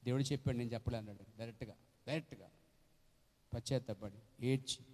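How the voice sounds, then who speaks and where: A man's voice: mid-range voice, fast talker, dark tone, long reverb tail. A man preaching as a pastor, emphatic and questioning his congregation. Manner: emphatic, questioning the congregation, acting out quoted voices. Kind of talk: Telugu sermon with acted quotes. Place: church hall.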